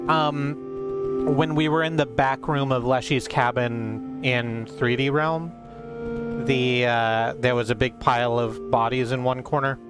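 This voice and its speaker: A man's voice: mid-range voice, fairly even intonation, slow pace. Man rambling through game commentary. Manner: rambling, thinking aloud. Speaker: game streamer. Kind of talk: casual game playthrough commentary. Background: music.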